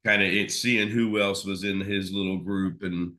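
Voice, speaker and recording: Low-voiced guy chatting as a guest, bright forceful tone, lots of ums and restarts. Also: steady tone, normal speed. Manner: rambling, many fillers and restarts. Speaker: SEO expert guest. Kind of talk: casual interview chat.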